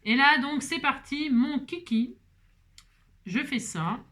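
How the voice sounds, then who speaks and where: A woman talks viewers through a paper craft project at her home table, rambling along with plenty of fillers. Her voice sits a little high and has a slight hoarseness today. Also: lively intonation, slow pace, noisy background. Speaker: crafting tutorial host. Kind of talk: chatty crafting tutorial.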